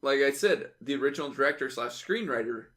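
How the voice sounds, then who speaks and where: A man's voice: mid-range voice, lively intonation, a little fast, a bit bright. A man hosting a casual movie review podcast, joking, swearing freely and laughing often. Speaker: podcast host.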